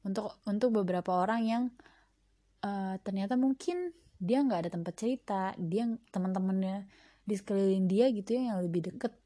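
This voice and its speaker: Chatty young woman, mellow voice. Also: medium pitch, a little fast, no echo. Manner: chatty, reflective, many fillers. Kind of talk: casual solo monologue. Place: home at night.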